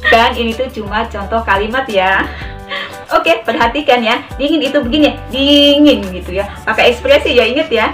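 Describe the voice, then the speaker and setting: A woman with a high voice teaches sign language in an easygoing, talkative way, pronouncing every word slowly a second time while she signs it. Her mic is placed a bit far off, and quiet music runs softly beneath her.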